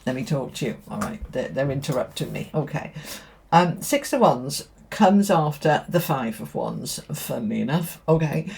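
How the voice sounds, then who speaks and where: A woman with a low-pitched voice reads tarot for her viewers. She talks directly to the listener in an emphatic, affirming manner, often repeating phrases for weight. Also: gravelly, a little mellow. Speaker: tarot reader. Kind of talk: spoken tarot reading to viewers.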